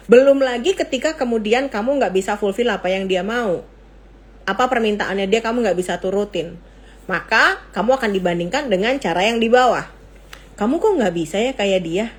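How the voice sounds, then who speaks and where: A middle-aged woman psychiatrist chatting on a live stream in a fairly high voice. She explains things casually, jokes around and laughs often. Her delivery swings between excited bursts and quiet low asides. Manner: playful, laughs often, jokes in mock foreign gibberish. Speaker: psychiatrist hosting a live mental health talk. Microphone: phone or laptop mic for an Instagram live.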